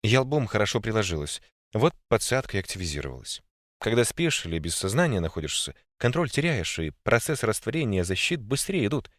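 A man reads a first-person story in a fairly low voice that rises and falls expressively. He performs every character himself. The recording is dry, with no room sound. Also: big pitch swings, fairly quick, dry recording. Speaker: audiobook narrator. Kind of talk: first-person fiction narration.

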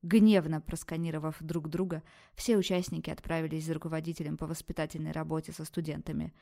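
A woman narrating a first-person novel aloud in brisk, vivid audiobook style. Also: sits low, flat delivery, vocal fry, mellow.

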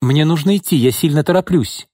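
A man's voice: fairly high pitch, brisk, a little mellow, no room sound, clean studio sound, voice pushed up, lightly acted. A man reading an audiobook voices a young woman, tense and defiant, her voice trembling. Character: young woman, ex-prostitute turned model, nervous and defiant.

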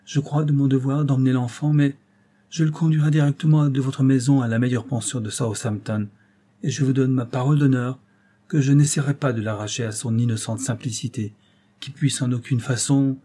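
A man's voice: medium pitch, fairly even intonation, brisk, dark tone, husky, close to an everyday voice. A man reading aloud and voicing an earnest young male lawyer, solemn and compassionate.

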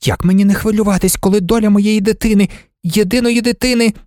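A woman's voice: low voice, normal speed, mellow, no room sound, clean studio sound, voice pushed up, natural voice. A woman voicing an anxious, doting mother who frets and pleads with her daughter. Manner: fretful, pleading. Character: anxious, doting older mother, a professor's wife.

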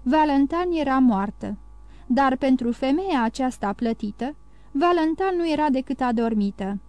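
A woman narrating a classic novel as an audiobook, reading in a measured, even way. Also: high-pitched, no echo. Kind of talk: scripted narration.

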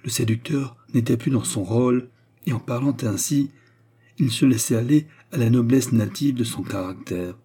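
A man narrating a classic novel as an audiobook in a measured, even way. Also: medium pitch, slightly rough.

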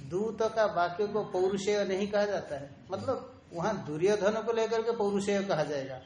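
A man teaching a traditional Vedanta lesson, explaining slowly, repeating key terms and drawing out Sanskrit quotations. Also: high-pitched, darkish tone, a little hiss or hum. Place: ashram room. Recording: echoey room, faint ambience.

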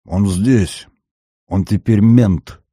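A man voicing a wounded, bleeding young man who speaks hoarsely in frantic, groaning outbursts. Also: lowish voice, extremely slow, warm tone, no room sound, studio quality.

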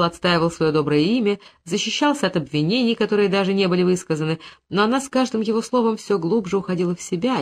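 Measured, dramatic audiobook narrator. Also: mid-range voice. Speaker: audiobook reader. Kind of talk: scripted literary narration.

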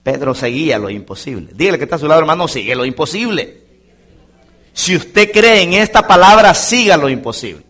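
Pastor guy preaching in church, voice swooping all over, loud then hushed. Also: on the high side, lively intonation, brisk. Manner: preaching with big swings from loud exclamations to quiet asides. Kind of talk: preaching sermon. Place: church sanctuary.

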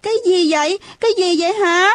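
Brief: a naive little girl in a storybook, high and whiny, pleading, put on by a woman reader. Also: moderate pace, dry recording, lightly acted. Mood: alarmed.

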